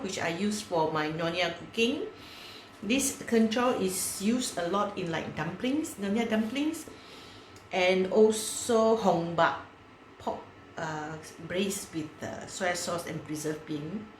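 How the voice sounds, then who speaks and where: A woman's voice: mid-range voice, roomy sound, slight background noise. A woman hosting a cooking video, chatting casually and walking through each step aloud as she cooks. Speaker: cooking channel host.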